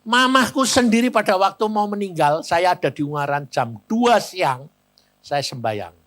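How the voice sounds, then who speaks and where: A man's voice: high-pitched, animated, moderate pace, a bit bright, no echo. An older Indonesian man with a Javanese accent, preaching by telling personal stories in a blunt, plain-spoken way. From Central Java, Indonesia. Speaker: evangelist preacher. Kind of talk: sermon storytelling.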